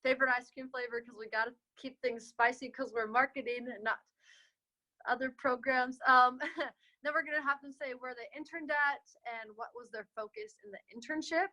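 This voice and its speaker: A woman's voice: high-pitched, bright, forceful tone, low-quality recording. A young woman moderating a casual student webinar over a video call, upbeat and chatty. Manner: upbeat, chatty, quick transitions.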